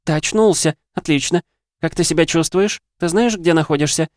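A man's voice: on the high side, normal speed, no echo, studio quality, pitched above the performer's own voice, natural voice. A man reading an audiobook, voicing a weary, commanding woman doctor who barks reprimands. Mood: scolding. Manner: barking, reprimanding.

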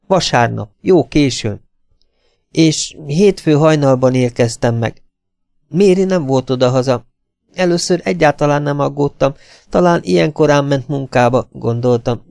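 A man's voice: on the high side, a little mellow, dry recording, studio quality, lightly acted. A man voicing a worried young woman in an audiobook, speaking anxiously about her missing sister. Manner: anxious, pleading.

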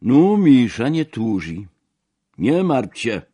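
A man voicing a coarse, boorish older peasant mystic who talks loudly and rudely. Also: a bass voice, huge pitch swings, slow, breathy edge, heavily acted. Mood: coarse, boisterous. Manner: loud, rude, mocking, broken speech.

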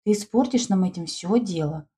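A woman's voice: mid-range voice, moderate pace, dark tone, breathy edge. Woman playing a nervous earnest schoolgirl. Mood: anxious. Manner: urgent, anxious.

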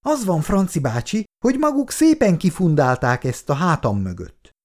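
A man voicing a proud, easily upset young woman in a read-aloud story who bursts out indignantly, pitched high. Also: huge pitch swings, creaky, dark tone, husky, exaggerated voice. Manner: indignant outbursts.

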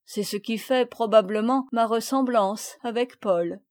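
A woman's voice: on the high side, unhurried, darkish tone, close to an everyday voice. A woman reading a modest, newly brave boy. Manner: modest, humble.

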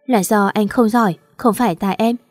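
A woman voicing a gentle young man who soothes his crying girlfriend in a soft, calm way. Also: mid-range voice, a little fast, dry recording, clean studio sound, faint music behind, close to an everyday voice. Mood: soothing.

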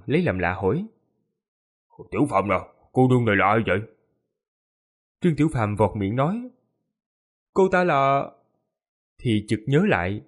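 A man narrating a fantasy novel audiobook with lively, expressive storytelling. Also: mid-range voice, breathy edge.

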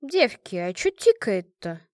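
A woman reading the part of a brash, loud, rough-mouthed young woman colonel in an audiobook, swearing fondly at her friends. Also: mid-range voice, sing-song, a little slow, no room sound, studio quality. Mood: gruff teasing.

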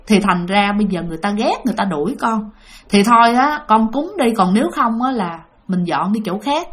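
A woman with a slightly high voice tells a spooky story in a relaxed, conversational manner. She talks straight to her listeners as if chatting with friends. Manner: chatty, addresses listeners directly. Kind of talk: casual spoken ghost story narration.

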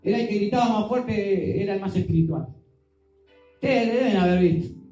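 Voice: mid-range voice, moderate pace, dark tone. A preacher preaches in an easygoing, conversational way, often stopping to put questions to the congregation. The voice echoes in a roomy church room, with faint music behind it. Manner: conversational, asks the congregation questions, acts out scenes. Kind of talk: sermon.

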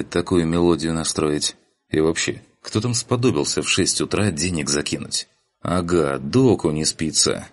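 A man narrating an audiobook in a wry first-person storytelling manner. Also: a bass voice.

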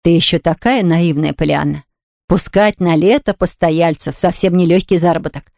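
A woman's voice: lowish voice, moderate pace, gravelly, a little mellow, no echo. A woman reading aloud, voicing a proud, frail older aunt who speaks in a dry, disapproving way. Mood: reproachful. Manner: dry, sniffing, reproachful.

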